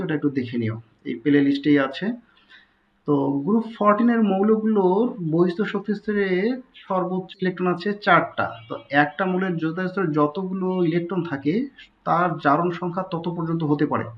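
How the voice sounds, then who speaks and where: A man's voice: on the high side, lo-fi sound. A man teaching a recorded chemistry tutorial, explaining step by step and repeating key terms. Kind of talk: recorded online tutorial lecture.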